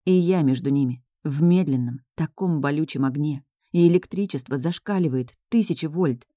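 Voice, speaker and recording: A woman narrating a first-person audiobook with an expressive reading. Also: sits low, normal speed, no echo, clean studio sound.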